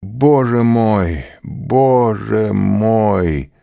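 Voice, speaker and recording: A man's voice: fairly low pitch, extremely slow, gravelly, dark tone, no echo, pitched above the performer's own voice, heavily acted. A man voicing a desperate young prisoner, pleading. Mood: despairing. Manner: anguished, imploring outcries.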